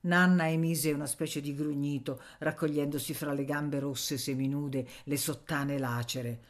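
A woman reading a novel aloud in measured scripted narration. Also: deep voice, steady tone.

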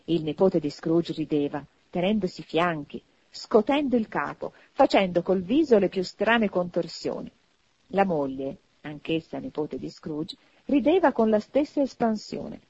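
Expressive woman narrating a classic novel. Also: lowish voice, unhurried, slightly rough, no room sound, dull audio. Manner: expressive, animated reading.

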